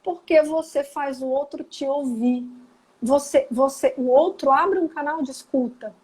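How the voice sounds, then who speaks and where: A woman's voice: sits high, unhurried, poor audio. A Brazilian woman psychologist talking casually on a live video call, acting out quoted lines as she explains. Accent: Brazilian Portuguese. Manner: animated, acts out quoted dialogue. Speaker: psychologist guest.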